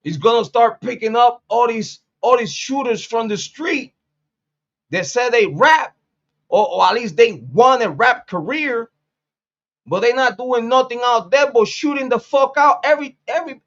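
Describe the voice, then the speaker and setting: Blunt high-voiced Puerto Rican man. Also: normal speed, gravelly, fairly bright tone, highs cut off. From Puerto Rico. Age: 40s. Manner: blunt, profane, repeats phrases for emphasis. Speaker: commentary channel host. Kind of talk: casual street commentary monologue.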